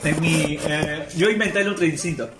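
A young man, telling a story in a halting, slangy way. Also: on the high side, reverberant, music in the background. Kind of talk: casual chat.

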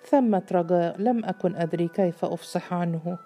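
A woman voicing a shrewd, rich male merchant in a storybook, calm and calculating. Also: fairly low pitch, a little fast, faint music behind.

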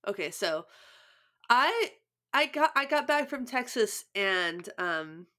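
This young adult woman co-hosts a podcast in a high, sing-song voice that is slow yet sharp in tone. Stuffed up and sniffling, she chats casually and rambles through stories, often restarting.

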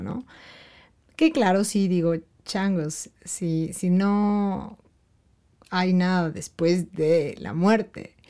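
A woman's voice: mid-range voice, mellow. A woman with a Mexican accent chatting casually to her viewers, rambling through slangy phrases with many fillers and little laughs. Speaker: vlogger.

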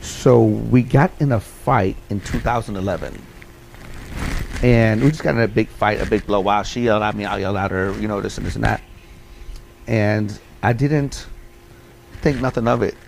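A man's voice: fairly low pitch, normal speed, vocal fry, a little hiss or hum. A middle-aged man in an interview, telling a personal story in a rambling way with many fillers and repeats. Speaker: interview guest.

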